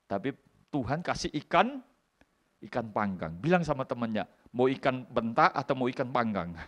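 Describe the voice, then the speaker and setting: A man pastor preaching a sermon in a church, swinging from hushed asides to loud exclamations and acting out the voices in his story. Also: medium pitch, expressive, moderate pace. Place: church hall.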